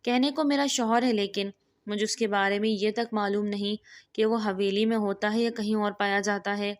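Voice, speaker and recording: A woman's voice: medium pitch, fairly even intonation, close to an everyday voice. A woman reading the lines of an anxious young bride in a storybook, sorrowful and resigned. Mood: sad.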